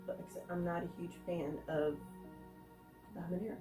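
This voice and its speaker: A woman's voice: on the low side, steady tone, fairly quick. A woman chatting casually through a food taste test, rambling and thinking aloud as she goes. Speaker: snack reviewer. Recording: roomy echo, faint music.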